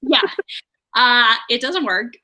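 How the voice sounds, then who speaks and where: Bright-voiced chatty woman podcaster. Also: fairly high pitch, lively intonation, slow. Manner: chatty recap with fillers and laughs. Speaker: podcast co-host. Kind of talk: casual book discussion.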